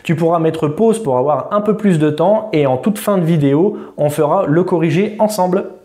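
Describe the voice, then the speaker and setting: A man tutoring for a driving exam, talking informally straight to the viewer and reading out quiz answers slowly and distinctly. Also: on the high side, mellow. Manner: informal, addresses the viewer directly. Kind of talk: quiz lesson video.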